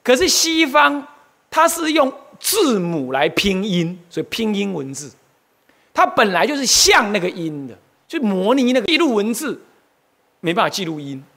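A man's voice: high voice, moderate pace. A male Buddhist monk gives a lecture on Buddhist history, often asking his listeners questions and exclaiming. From Taiwan. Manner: animated, asks the audience questions, exclaims often.

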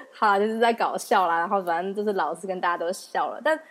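A woman's voice: medium pitch, very animated, a little fast. Chatty young Taiwanese woman podcaster. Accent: Taiwanese Mandarin. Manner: chatty and self-mocking, laughs often. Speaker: podcast host. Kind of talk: casual solo podcast monologue.

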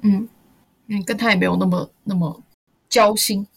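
A woman asking short, casual questions as an interviewer in a relaxed chat. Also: medium pitch, moderate pace, vocal fry, slightly rough.

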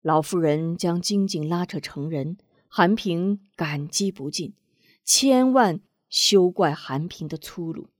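A woman's voice: on the low side, slow pace, dry recording, clean studio sound. A woman voicing a sorrowful older man who sighs heavily as he speaks in a storybook tale. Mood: resigned. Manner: heavy sighs, weary.

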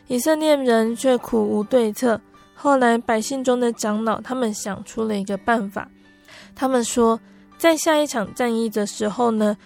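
A woman narrating a Bible story for a podcast in a gentle, unhurried storytelling manner with soft filler particles. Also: on the high side.

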